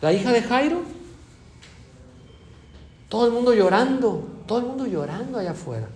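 Dramatic preacher in an echoey room. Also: male voice, very high voice, big pitch swings, normal speed. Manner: dramatic, swings from soft asides to loud emphatic peaks. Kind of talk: sermon. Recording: echoey room with faint ambient noise.

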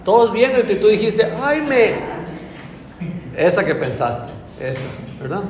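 A man preaching a sermon, animated, acting out little examples in other voices. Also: sits high, moderate pace. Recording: echoey hall with faint ambience.

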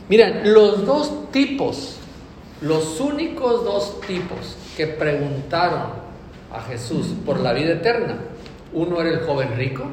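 A man preaching a sermon, animated, acting out little examples in other voices. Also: fairly high pitch, slight background noise. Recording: echoey hall with faint ambience.

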